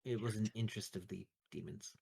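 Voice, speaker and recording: A man narrating a tabletop role-playing game as game master, improvising in a halting, thoughtful way. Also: fairly low pitch, creaky, warm tone, husky.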